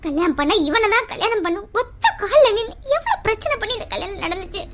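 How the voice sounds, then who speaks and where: A woman's voice: extremely high pitch, sing-song, quick pace. A woman voicing a bitter young bride left by her husband, sneering and mocking in a family drama skit. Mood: bitter scorn.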